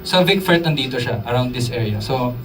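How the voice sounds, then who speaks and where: Here the drum instructor sounds expressive and a little fast, his medium-pitched voice a bit bright. Casual and code-switching with English terms, he questions his live workshop audience; the mic is distant, drums fill the room, and there's a little hiss or hum.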